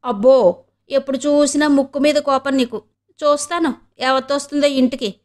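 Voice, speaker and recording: A woman's voice: high voice, normal speed, darkish tone, lightly acted. A woman voicing a defiant, cheeky housemaid who answers back with mocking taunts in an audio novel. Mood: taunting.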